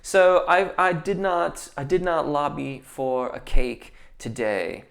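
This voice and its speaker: A young man who teaches voice answers viewer comments on a casual live stream, drawing on technical singing vocabulary. He speaks slowly in a creaky, steady, slightly high voice, with frequent ums and sentences begun again.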